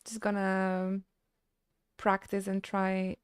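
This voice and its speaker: A woman game streamer chatting casually with her live audience, halting and stammering as she thanks viewers between frequent laughs. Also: mid-range voice, monotone, clear, resonant tone, no echo, clean studio sound.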